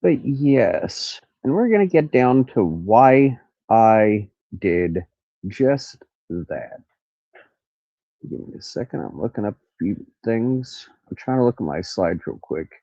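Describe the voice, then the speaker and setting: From an outdoor carport out in the country, a man with a nasal, lowish, dark voice hosts a rambling true crime livestream, very animated but taking it slowly and stopping to look things up. Crickets and cicadas are heard in the background. The recording is dry and lo-fi.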